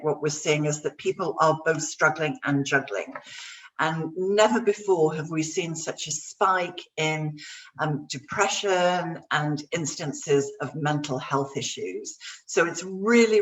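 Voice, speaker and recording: A woman's voice: low-pitched, distant mic, rough recording. A woman career coach giving an online workshop, speaking in an upbeat, encouraging way directly to her audience. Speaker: career coach and webinar presenter.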